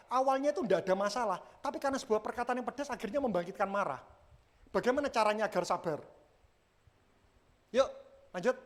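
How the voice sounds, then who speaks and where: A man preaching a sermon in church, lively and humorous, acting out quoted lines from everyday life. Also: very high voice. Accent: Indonesian. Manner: animated, acts out quoted voices with humor. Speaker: pastor.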